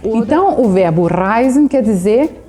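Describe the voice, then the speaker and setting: A woman teaching a German lesson in a dark, mellow voice, slowing right down to model German phrases. She rolls her R the southern German way and keeps checking in with the viewer. Soft music plays faintly behind her. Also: on the high side, animated. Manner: fillers of "né?" and "tá bom?" to check in with the viewer. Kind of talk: language lesson.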